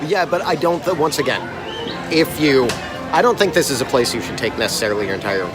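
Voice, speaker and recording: A man with a medium-pitched voice gives a casual, opinionated food review as co-host. His manner is wry and chatty. A busy crowd and music are clearly heard around him outdoors. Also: expressive, a little fast. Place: outdoors in a busy theme park.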